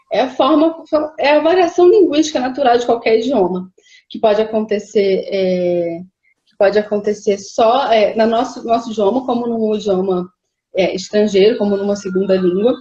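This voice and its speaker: A woman's voice: fairly high pitch, darkish tone, echoey room, muffled recording. Woman explaining, hesitant. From Rio de Janeiro, Brazil. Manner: explains patiently, many hesitations. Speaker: linguist guest. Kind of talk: explanatory conversation.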